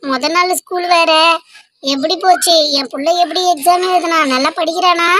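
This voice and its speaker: A woman's voice: extremely high pitch, moderate pace, a bit bright, a little hiss or hum. Woman voicing a chatty cartoon village mother.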